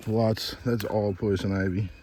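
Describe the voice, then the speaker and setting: A man with a very low voice rambles loosely through a hiking vlog, swearing as he goes. He talks while walking a wooded hill trail outdoors. Steady background noise sits clearly under his voice. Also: a little slow. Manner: loose, profane, chatty. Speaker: vlogger.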